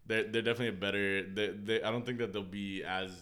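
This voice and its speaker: A man's voice: fairly low pitch, steady tone, fast talker, fairly bright tone. A man co-hosting a casual sports podcast with slangy, profane frat-bro talk. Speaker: podcast co-host.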